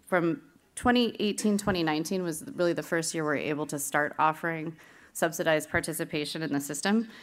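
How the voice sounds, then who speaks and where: A woman's voice: on the low side, a bit bright. A woman giving a fluent, businesslike slide presentation at a conference. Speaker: programme presenter.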